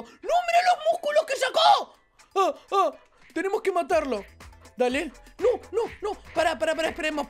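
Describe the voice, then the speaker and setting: A woman with a Rioplatense Spanish accent hosting a Let's Play, with excitable, playful, exclamatory commentary. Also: high voice, creaky. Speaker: gaming channel host.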